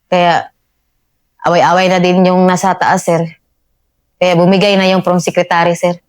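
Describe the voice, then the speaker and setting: A woman's voice: on the low side, level tone, normal speed. This is a woman soldier recounting her field operations to a superior officer. She speaks in short, deferential bursts and tags nearly every phrase with a respectful "sir.". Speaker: army corporal telling her combat story. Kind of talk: interview storytelling.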